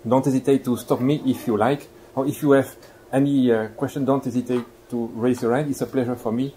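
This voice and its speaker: Speaking a little fast in a warm, steady mid-range voice, a Belgian-accented man delivers a university lecture as a guest, courteously explaining and questioning his listeners. The rough live recording from the lecture room includes clear background noise.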